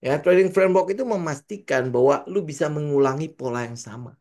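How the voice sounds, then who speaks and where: A man with a Jakarta-slang Indonesian accent coaches his listeners on trading in a casual, lively way. His voice sits a little high and swings widely in pitch as he fires off rhetorical questions and acts out traders' voices. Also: fast talker.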